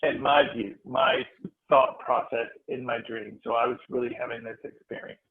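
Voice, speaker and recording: A man, a spiritual healer, telling a heartfelt story to a meditation group, animated and restarting his phrases. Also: mid-range voice, moderate pace, creaky, a little hiss or hum. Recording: tinny phone-like audio.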